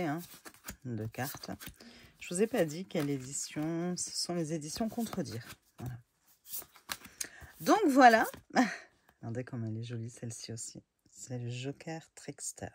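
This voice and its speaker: A woman's voice: rumbling low, a little mellow, a little hiss or hum. A woman casually reviewing tarot and oracle decks, chatty and hesitant with many fillers. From France.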